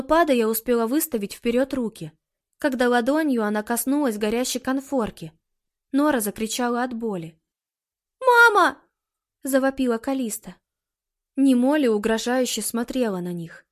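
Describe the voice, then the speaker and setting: A woman audiobook narrator reads a storybook as scripted narration, her fairly high voice measured and expressive.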